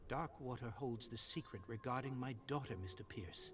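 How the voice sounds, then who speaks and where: An actor playing a stern, grieving older father who speaks in a formal, insistent, measured way. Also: mid-range voice, lightly acted. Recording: noisy game audio.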